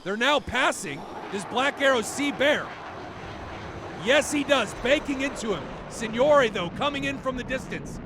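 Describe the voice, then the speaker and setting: A man calling a match live as a caster, quick and excitable, shouting at the big moments. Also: very high voice, vocal fry, noisy background. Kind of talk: live play-by-play commentary. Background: music.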